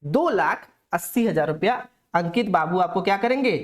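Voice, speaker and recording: A man's voice: high voice, expressive, normal speed. Young male tutor, casual coaxing lecture style, keeps quizzing the class and supplying the answers. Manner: asks questions aloud and answers them himself; coaxing, talks straight to the students. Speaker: accounts teacher.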